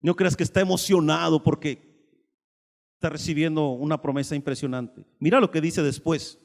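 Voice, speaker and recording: A man preaching a sermon, swinging between loud emphatic lines and soft asides. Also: a little high, fairly even intonation, normal speed, vocal fry, in a large hall. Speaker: pastor.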